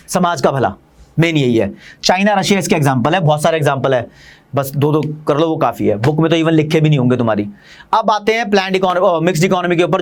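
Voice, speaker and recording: A man with an Indian accent teaching commerce in a fast, chatty online lecture, talking straight to his students. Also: high voice.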